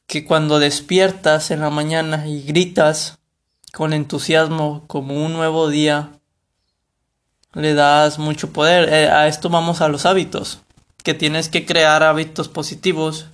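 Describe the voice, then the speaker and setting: A man's voice: fairly high pitch, a bit bright. A young man with a Mexican Spanish accent, talking casually to camera about a book, rambling and correcting himself. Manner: rambling, self-correcting, colloquial. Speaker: vlogger reviewing a book.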